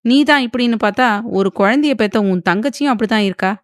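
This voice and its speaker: A woman's voice: fairly high pitch, fast talker, no echo, pitched above the performer's own voice, close to an everyday voice. Woman voicing an irritable young husband, grumbling, mocking, audiobook, dry close recording. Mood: irritated.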